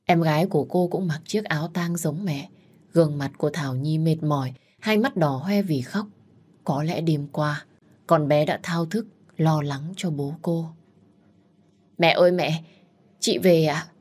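A woman narrating a sad family story in a slow, sorrowful way. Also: deep voice, a little mellow, slightly rough.

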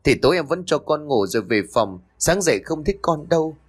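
A man's voice: on the high side, expressive, a little fast, husky, voice pushed up. A man voicing a cruel, scheming young stepmother who talks harshly and scolds in a spoken ghost story. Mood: feigned worry.

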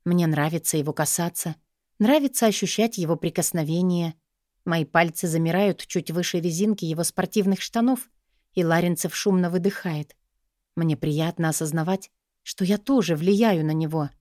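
An audiobook narrator reads scripted first-person romance fiction in an intimate, sensual way. Her lowish, slightly mellow voice moves at normal speed. The studio-quality recording has no room sound.

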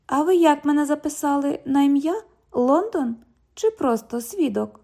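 A woman's voice: high-pitched, moderate pace, mellow. A woman reading an audiobook, voicing a sarcastic, mocking twenty-year-old woman who works as a bank cashier. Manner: mocking, cheeky, parrots the other speaker.

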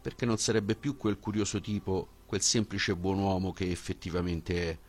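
A man's voice: deep voice, steady tone, normal speed. A man reading a blunt, defiant ancient sophist. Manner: blunt and dismissive.

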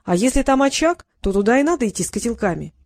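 A woman reading the lines of a quick-witted young princess, bright and reasoning. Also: on the high side, sing-song, dry recording, studio quality.

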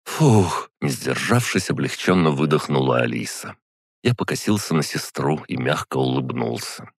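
Deep-voiced male narrator; even, deadpan first-person reading, dry booth sound. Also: moderate pace, creaky, no echo. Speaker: audiobook narrator. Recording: dry close studio sound.

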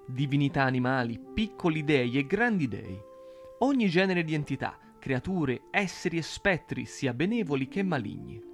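A man reading a fairy tale aloud in a measured, expressive late-night storytelling style. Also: fairly high pitch. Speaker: reader of an audiobook.

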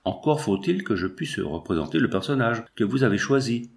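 A man's voice: medium pitch, lively intonation, fairly quick, gravelly. A man reading the lines of a tactful, self-deprecating young woman in an audiobook.

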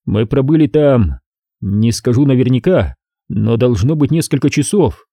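A man's voice: mid-range voice, lively intonation, normal speed, warm tone, dry recording, studio quality. A man reading an audiobook, voicing a nervous male researcher answering police questions defensively. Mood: anxious. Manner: anxious, defensive.

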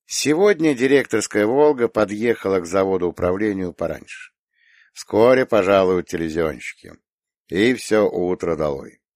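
A man narrating an audiobook in a steady, expressive storytelling read. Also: deep voice, moderate pace, dry recording, clean studio sound. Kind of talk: scripted narration.

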